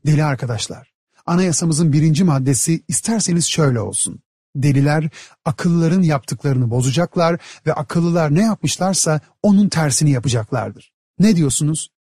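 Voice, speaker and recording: Storybook ringleader of madmen, read by a man: slow, rousing, husky, a touch high. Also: lively intonation, warm tone, dry recording, studio quality. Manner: slow, rousing, speechifying to a crowd. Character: scheming adult male ringleader of escaped lunatics. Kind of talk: audiobook character voice.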